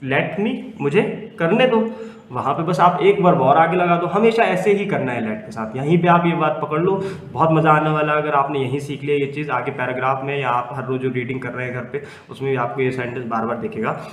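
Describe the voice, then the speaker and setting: A man's voice: a little high, fairly quick. A male teacher giving a spoken grammar lesson. He repeats phrases and keeps asking the class questions. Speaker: English teacher. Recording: echoey room with faint hum.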